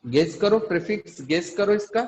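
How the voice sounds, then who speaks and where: A man's voice: high-pitched, animated, moderate pace, darkish tone, low-quality recording. A man teaching a chemistry class, explaining step by step and quizzing his students. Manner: asks the class questions often. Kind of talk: classroom lecture.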